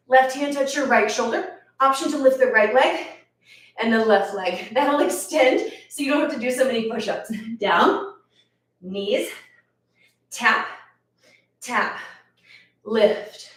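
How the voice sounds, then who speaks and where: A woman leads a workout, out of breath as she counts reps and cheers people on. She talks slowly, in a slightly high voice. The sound is roomy and echoing, with her standing back from the microphone. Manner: encouraging, counts reps aloud. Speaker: fitness instructor. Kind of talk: live workout instruction. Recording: echoey room, voice from a distance.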